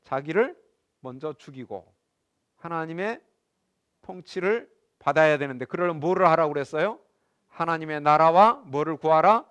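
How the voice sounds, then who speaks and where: Animated high-voiced male lecturer. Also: moderate pace, clear, resonant tone. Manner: animated, acts out scenes and asks the class questions. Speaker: seminary professor lecturing. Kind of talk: Bible lecture to a class. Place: lecture room.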